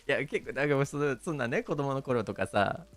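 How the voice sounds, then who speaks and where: A man with a Kansai accent chats casually on his stream, his pitch swinging widely as he talks. He hesitates often, padding his sentences with fillers and breaking into frequent laughter. Soft music plays quietly behind him. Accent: Kansai Japanese.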